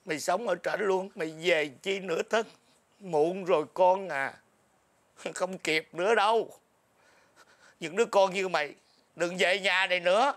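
A man's voice: high-pitched, a bit bright. A man playing a teasing uncle prankster. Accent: Southern Vietnamese. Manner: gruff, scolding, drawn-out teasing. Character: teasing middle-aged uncle, deadpan prankster. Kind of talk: comedy skit acting. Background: music.

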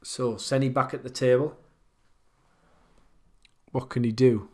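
This is a man with a mid-range voice giving casual commentary on an online pool match. He talks in a conversational way, often pausing to think aloud about the shot he would play himself. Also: mid-range voice, level tone.

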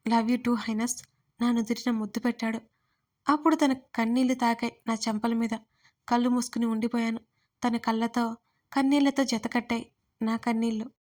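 Woman storyteller with a slightly high, level delivery, reading a heartfelt first-person story. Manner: emotional storytelling, voicing all characters herself. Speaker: writer and narrator.

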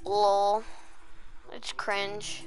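A young woman streaming a game and chatting with a friend in a dark room at home, bossy, teasing and exasperated, full of "dude" and "literally". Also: medium pitch, monotone, drawn-out words, faint music behind. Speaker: gaming streamer. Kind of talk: casual gameplay chat with a friend.

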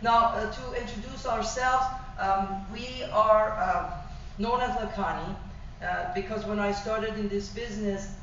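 A middle-aged woman from Iran with a Persian accent, giving an animated sales presentation about private travel to a small audience. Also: mid-range voice, measured pace, slight background noise. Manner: animated, gesturing, with frequent fillers and restarts. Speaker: tour operator presenter. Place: small function room. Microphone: far room camera. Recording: distant, echoey, dull room recording.

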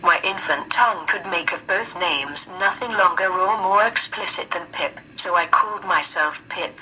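A synthetic British woman's text-to-speech voice reading a book aloud from a tablet with an even, mechanical delivery. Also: on the low side, moderate pace, poor audio. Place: played from a tablet speaker.

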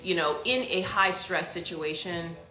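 A woman's voice: lowish voice, unhurried, reverberant, low-quality recording. A woman joking and chatting with a co-star as they watch their show together on a live stream. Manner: playful, joking, talks over others. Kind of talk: casual chat while watching an episode. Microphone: phone on a live stream.

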